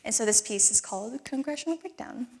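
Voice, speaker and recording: A young woman in her twenties, originally from the Philippines, speaks to an audience as a spoken word poet. Her voice sits a little high, and her delivery is earnest and rhythmic, leaning on emphasis. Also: expressive, quick pace, vocal fry, darkish tone, a little hiss or hum. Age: 20s. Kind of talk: talk with spoken word performance.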